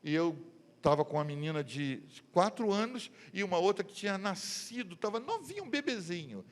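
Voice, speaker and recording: A middle-aged pastor with a Brazilian Portuguese accent preaches from the pulpit, his voice sitting high for a man. He tells his stories vividly and plays out each person's lines in turn. A long reverb from the church hall trails behind every phrase. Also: very animated, fairly quick. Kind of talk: sermon.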